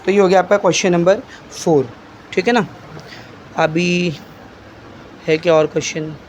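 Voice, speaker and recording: In a steady, high-pitched voice at normal speed, a man teaches chemistry to a class, with a little hiss or hum in the background. His style is to ask questions and answer them himself, coaxing the students and calling them "beta."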